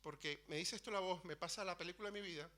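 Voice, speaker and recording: A man preaching in a church, recounting his own story earnestly. His voice is fairly high and very bright and ringing, and he often stumbles and restarts mid-phrase. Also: quick pace. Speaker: preacher sharing testimony. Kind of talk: sermon testimony.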